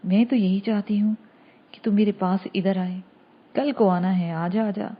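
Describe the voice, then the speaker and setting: A woman's voice: medium pitch, fairly even intonation, husky, dull audio, lightly acted. A woman doing an affectionate, coaxing young woman. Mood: tender. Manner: tender, loving tone.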